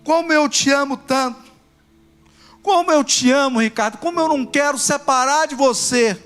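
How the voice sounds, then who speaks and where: Little boy, affectionate and pleading, as a male preacher puts him on; high, bright voice. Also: normal speed, soft background music. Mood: tender pleading.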